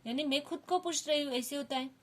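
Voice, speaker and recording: A woman's voice: sits high, fairly quick. A woman teaching a Hindi grammar lesson to children, explaining step by step and asking the class questions.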